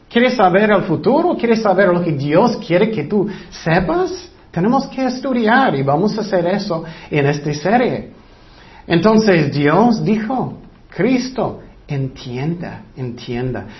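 A male pastor preaching a sermon, asking his listeners questions and answering them himself, in plain Spanish with small slips. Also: fairly high pitch. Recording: dull lo-fi sound.

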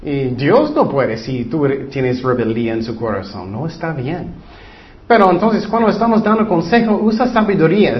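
A man, a pastor, giving informal Bible teaching in an earnest, conversational way with frequent asides. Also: on the high side. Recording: dull lo-fi recording.

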